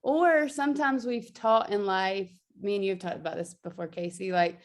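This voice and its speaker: A woman's voice: mid-range voice, normal speed. A woman explaining a movement practice in casual chat, talking loosely with frequent fillers and laughs. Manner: chatty, laughs often, many fillers. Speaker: guest teacher.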